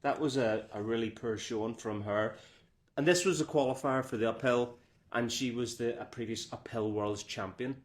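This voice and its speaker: A man co-hosting a trail running podcast, telling stories in lively, joking banter. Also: medium pitch, moderate pace. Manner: lively storytelling, jokey. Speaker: podcast co-host. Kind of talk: casual banter.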